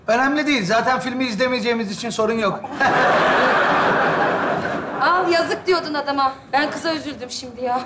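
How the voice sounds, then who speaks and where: A woman's voice: high voice, a little fast, very noisy. A woman performing live sketch comedy on stage, exasperated and scolding. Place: theater stage before a live audience. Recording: echoey theater stage with audience.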